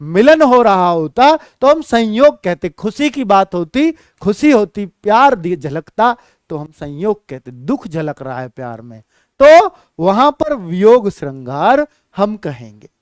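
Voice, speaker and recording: A man teaching a Hindi poetry lesson to students, reciting verses slowly and then explaining them in a chatty way. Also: high-pitched, big pitch swings, smooth, dry recording, clean studio sound.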